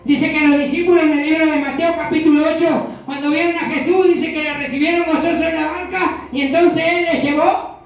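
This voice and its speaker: A man preaching a fervent sermon, building to shouted exhortations, recorded from a distance in an echoey church hall. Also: very high voice, flat delivery, a little fast. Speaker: evangelist preacher.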